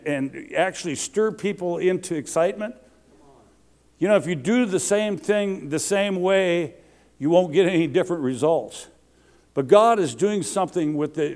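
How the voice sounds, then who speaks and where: A man in his sixties preaching a sermon, animated, calling out questions to the congregation and building rhythmic lists. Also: sits high. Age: 60s. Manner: repetitive, rhythmic listing.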